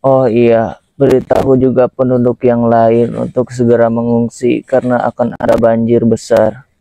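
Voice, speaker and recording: A man's voice: medium pitch, monotone, normal speed, warm tone, no echo, natural voice, poor audio. A young man playing a mysterious old beggar grandfather, stern and righteous, speaking in a solemn, declamatory way in a school drama. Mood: calm. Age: young adult. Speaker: student actor.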